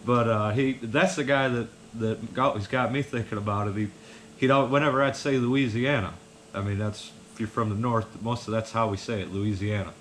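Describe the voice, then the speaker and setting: A vlogger with a lowish, fairly bright voice rambles through personal stories in a folksy, casual way. He keeps a steady tone at normal speed, and there's slight background noise.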